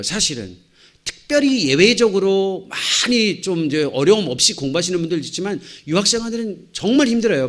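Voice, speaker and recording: A middle-aged man, a missionary pastor, giving a lecture-style sermon to church teachers in a church hall on a handheld mic, telling stories with animated acted-out dialogue. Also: a little high. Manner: animated storytelling, acting out shouts and dialogue.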